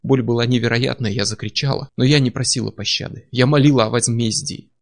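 A man narrating a dark story in a grave, measured audiobook reading. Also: medium pitch, steady tone, vocal fry.

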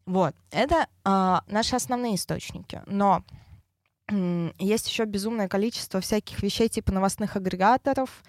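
A woman's voice: mid-range voice, normal speed, dry recording, studio quality. A woman who pronounces her r with a burr, explaining things informally as a guest in a podcast interview. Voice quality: burred, non-standard r sound (speech impediment). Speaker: interview guest, head of a traffic department.

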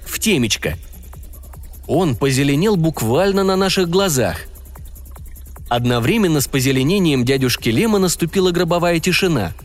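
A man narrating a story in a lively, folksy first-person voice. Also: fairly high pitch. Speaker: audiobook narrator.

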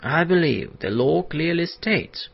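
A man voicing an agitated male asylum patient who shouts indignantly and hoarsely. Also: fairly high pitch, animated, slow, voice pushed up, full character voice. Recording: dull lo-fi audiobook recording.

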